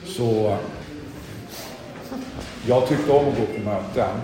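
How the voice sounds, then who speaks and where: A man's voice: lowish voice, a crowd in the background. A middle-aged man tells his own recovery story in a candid, self-deprecating way. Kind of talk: personal testimony talk. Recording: echoey hall with audience.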